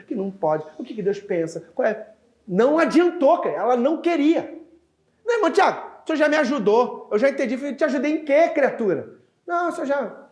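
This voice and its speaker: High-voiced, lively man preaching. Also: echoey room. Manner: animated storytelling, acting out dialogue, often addressing "queridos". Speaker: pastor. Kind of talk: sermon. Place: church.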